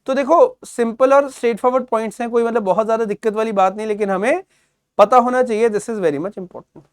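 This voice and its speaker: A man's voice: extremely high pitch, fairly quick, smooth, no room sound. A man with an Indian accent teaching current affairs for exam preparation, explaining simply and mixing English phrases into Hindi while repeating key points. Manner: calls students "beta".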